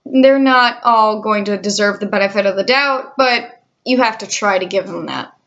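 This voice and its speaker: A woman's voice: medium pitch, moderate pace, fairly bright tone, muffled recording. A woman in her twenties who works in a call centre, chatting candidly with a sarcastic, cynical edge. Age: 20s. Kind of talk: casual vlog chat.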